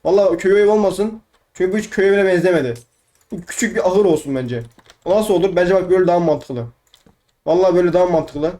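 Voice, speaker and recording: A man's voice: sits high, fast talker, warm tone. A young man giving casual let's-play commentary, chatty and playfully swearing, often repeating words over and over. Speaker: gaming YouTuber.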